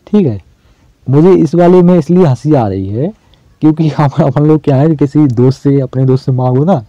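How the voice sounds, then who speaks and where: A man talks through exam questions like a relaxed teacher. He often asks a question and answers it himself. His voice is very dark and mellow, recorded dry and slightly dull. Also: a little high, normal speed, no room sound. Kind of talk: casual exam-prep lesson.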